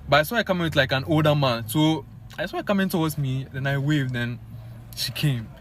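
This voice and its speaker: A young Ghanaian man with a Ghanaian accent, telling a story to his viewers in an animated, casual way full of fillers. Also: on the high side, a little fast, slight background noise. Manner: animated, many fillers, addresses viewers as guys. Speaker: vlogger.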